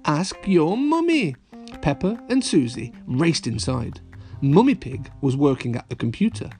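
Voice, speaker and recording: A man's voice: mid-range voice, sing-song, moderate pace, warm tone. A man narrating a children's story like a kids show host, cheerily addressing young listeners, with guitar music behind him.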